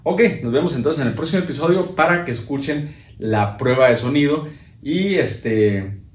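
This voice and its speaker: A man's voice: mid-range voice, lively intonation, moderate pace. A man with a Mexican Spanish accent giving a casual, chatty walkthrough of sound equipment, with many fillers and restarts as he handles the gear. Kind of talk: casual product show-and-tell.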